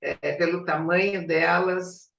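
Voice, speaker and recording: A woman's voice: fairly low pitch, flat delivery, takes it slowly, creaky, fairly bright tone. A woman from Brazil on a video call, earnestly encouraging others to plan a visit. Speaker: study group participant. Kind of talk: casual online group discussion. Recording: distant, echoey, dull video call audio.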